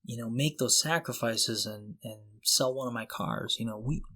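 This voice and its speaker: With a bright, forceful tone at medium pitch and a moderate pace, a middle-aged podcast co-host talks casually and earnestly, encouraging and motivating listeners while posing questions to them.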